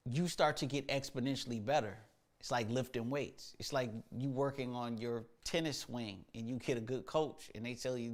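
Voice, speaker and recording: A man hosting a casual livestream, talking about music practice in a laid-back, slangy way, thinking aloud with lots of fillers. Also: mid-range voice. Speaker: musician and show host.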